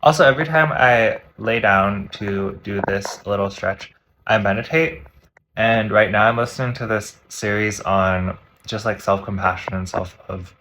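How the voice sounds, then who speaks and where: A man's voice: fairly low pitch, steady tone, measured pace, pushed and bright, slight background noise, rough recording. A young man vlogging casually from home while lying down to stretch, talking in a rambling, upbeat way with a slight lisp from his retainers. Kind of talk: casual chatty vlog talk.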